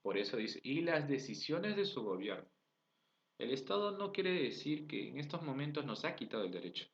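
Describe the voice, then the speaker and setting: A man's voice: mid-range voice, big pitch swings, moderate pace. A man with a Peruvian accent teaching a class, explaining step by step, asking rhetorical questions and checking in with his students. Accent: Peruvian Spanish. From Peru. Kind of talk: recorded online class lecture. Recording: dull lo-fi recording.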